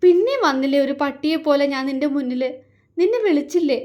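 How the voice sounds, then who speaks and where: A woman's voice: sits high, normal speed, dull audio, voice pushed up, lightly acted. A woman voicing a hurt young woman who pleads with her friend through tears, emphatic and crying. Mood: crying, pleading.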